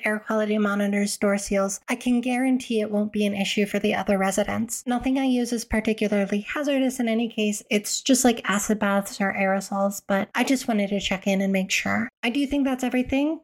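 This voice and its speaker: A woman's voice: on the high side, close to an everyday voice. A woman playing a young student who leaves a long, polite voicemail full of detailed questions. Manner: polite, rambling, detail-minded.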